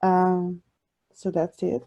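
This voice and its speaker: A young woman from Portugal, a software developer, giving an online talk with many fillers and restarts. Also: fairly low pitch, completely flat delivery, slow pace. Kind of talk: online presentation.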